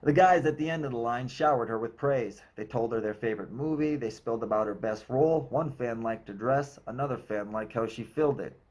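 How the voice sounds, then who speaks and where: A man reading his own novel aloud in a steady, measured narration, in short clipped sentences. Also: medium pitch. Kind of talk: audiobook-style narration.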